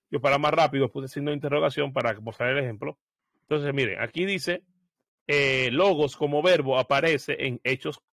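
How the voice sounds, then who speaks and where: Speaking a little high, a man guides viewers through Bible software searches in a casual screen-share tutorial. Each step gets an explanation, with frequent filler-laden pauses as he reasons out loud over a dry recording.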